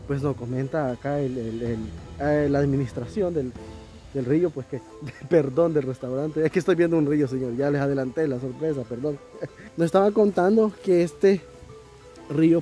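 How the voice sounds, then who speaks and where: Salvadoran male travel vlogger, enthusiastic, high-ish mellow tone, faint music bed. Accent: Salvadoran Spanish. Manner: chatty, enthusiastic, laughs often. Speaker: vlogger host. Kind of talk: casual travel vlog. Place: outdoor riverside restaurant.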